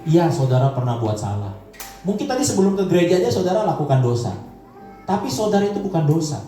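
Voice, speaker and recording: Storytelling pastor in an echoey hall. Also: male voice, a little high, quick pace. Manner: lively storytelling, acting out quoted voices. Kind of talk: sermon. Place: church hall. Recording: echoey church hall, mic from a distance, faint music.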